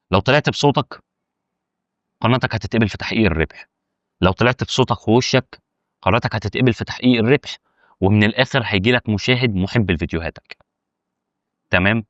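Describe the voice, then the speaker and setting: An Egyptian man rattles through a casual explainer at a very quick clip, bantering with imagined viewers. His voice sits at an ordinary male pitch. The recording is close and dry, with a muffled, lo-fi tone. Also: no room sound. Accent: Egyptian Arabic. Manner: rapid, chatty, argues with imagined viewer objections. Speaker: YouTube tutorial host. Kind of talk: casual direct-to-camera explainer.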